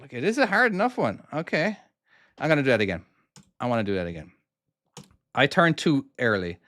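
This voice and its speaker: He's an Irishman from Cork doing live gameplay commentary, casually narrating his trucking maneuvers and answering viewer questions from chat. His medium-pitched, fairly bright voice moves fairly quickly with big pitch swings. The studio-quality recording has no room sound.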